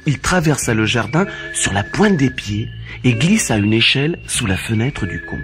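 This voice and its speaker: A man narrating a children's story in an expressive, animated reading. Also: mid-range voice, normal speed. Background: faint background music.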